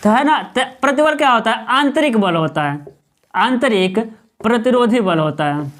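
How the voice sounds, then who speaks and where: A man's voice: very high voice, animated, normal speed, fairly bright tone. A male teacher giving a classroom lecture, firing questions at his students and answering them himself, and tagging on short check-in questions. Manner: keeps adding a tag question.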